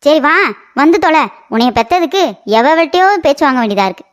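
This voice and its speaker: A woman voicing a high-pitched scolding mother. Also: lively intonation, fast. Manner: scolding, taunting. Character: scolding, quarrelsome middle-aged mother. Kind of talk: comic cartoon dubbing.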